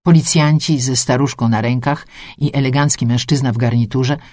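A woman narrating a first-person story with a lively, expressive reading. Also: rumbling low, normal speed, no room sound, clean studio sound.

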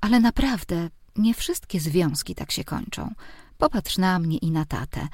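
A woman's voice: fairly low pitch, animated, unhurried, darkish tone, dry recording, clean studio sound. A woman voicing a bossy, meddling mother who scolds and fusses at her grown children. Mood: fussing. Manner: scolding, insistent, fussing.

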